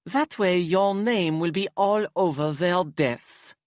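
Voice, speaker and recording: A man's voice: sits high, takes it slowly, no room sound, clean studio sound, pitched above the performer's own voice. A man voicing a flamboyant, menacing young man who speaks in a sing-song, theatrical drawl and drops French endearments. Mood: threatening.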